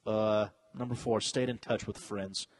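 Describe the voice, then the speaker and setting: A man riffs through a casual podcast chat, crude and joking, cursing freely. His voice has a slightly husky, rough edge. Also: fairly low pitch, fairly even intonation, a little slow. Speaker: podcast co-host. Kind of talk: casual banter.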